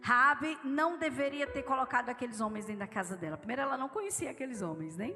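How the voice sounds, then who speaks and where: Bright-voiced woman preaching in an echoey church. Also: high voice, animated, fast talker. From Brazil. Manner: storytelling, earnest, addresses the congregation directly. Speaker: pastor. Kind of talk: live church sermon. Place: large church hall with live audience. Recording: echoey church hall, soft background music.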